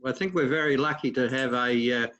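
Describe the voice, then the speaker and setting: Flat-voiced councilman. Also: mid-range voice. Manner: halting, polite remarks. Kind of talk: council meeting remarks.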